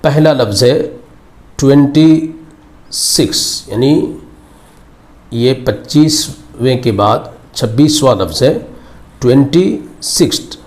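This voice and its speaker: A man's voice: medium pitch, takes it slowly, pauses often, a little mellow. A man teaching English verb forms, repeating each word several times in formal, Urdu-flavoured Hindi. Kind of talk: slow recorded vocabulary lesson.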